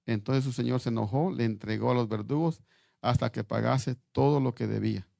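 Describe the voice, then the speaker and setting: Male preacher, gravelly low-set voice, dry close sound, halting sermon delivery with restarts. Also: steady tone, a little mellow, no echo. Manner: halting, repeats words while reading scripture aloud.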